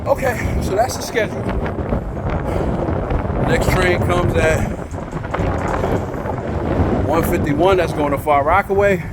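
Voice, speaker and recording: A man's voice: high-pitched, slow, pauses often, heavy background noise. A man talking casually on a walking vlog at a train station, preachy and encouraging, a little out of breath, into a phone he holds. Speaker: vlogger.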